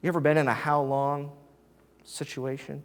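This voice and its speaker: A preacher giving a sermon in a church, animated and full of rhetorical questions put to the congregation. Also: mid-range voice, normal speed, long reverb tail. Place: church sanctuary.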